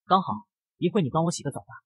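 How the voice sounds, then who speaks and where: A man's voice: fairly high pitch, racing, fairly bright tone, breathy edge, no echo. A man voicing a drunk, clingy young man in women's clothes who whimpers and whines, in a comic narration. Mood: whiny drunk. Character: drunk whiny young man dressed as a woman.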